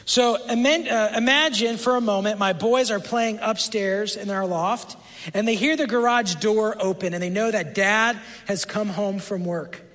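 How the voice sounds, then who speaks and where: A man in his thirties preaching a sermon, telling a story with animated delivery and briefly acting out the voices in it. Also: high voice, normal speed, long reverb tail. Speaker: pastor.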